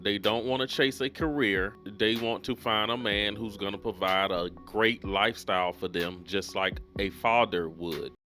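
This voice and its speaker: Deep-voiced man giving blunt dating commentary. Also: moderate pace, hardly any pauses, bright, forceful tone, faint music behind. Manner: blunt, opinionated, lecturing. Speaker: host of a dating commentary channel. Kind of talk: reaction commentary.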